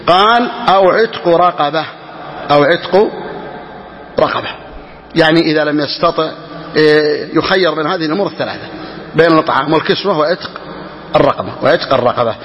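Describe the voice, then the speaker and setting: A man teaching Islamic law to a class, reading lines slowly and repeating key phrases as he explains. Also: a little high, fairly bright tone. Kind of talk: classroom lesson explaining a legal text. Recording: dull lo-fi recording with hall reverb.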